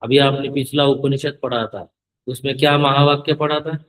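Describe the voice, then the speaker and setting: A man teaching a scripture class, reciting Sanskrit in a slow chant and carefully correcting his students' pronunciation. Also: mid-range voice, level tone, rough recording.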